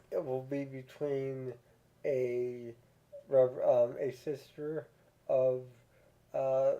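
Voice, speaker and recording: Slow, halting man on tinny audio. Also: mid-range voice. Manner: slow and halting, many ums and restarts. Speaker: show reviewer. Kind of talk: casual spoken review.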